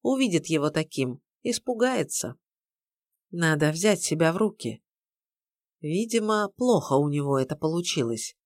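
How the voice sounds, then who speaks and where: A woman narrating an audiobook in a measured, steady way. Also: low voice, no room sound, clean studio sound. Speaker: audiobook reader. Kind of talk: scripted narration.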